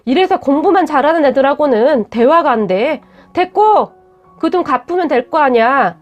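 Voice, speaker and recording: A woman's voice: sits high, lively intonation, normal speed, highs cut off, faint music behind. A woman voicing a blunt, defensive young man who scolds his fiancée in a read-aloud story. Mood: threatening.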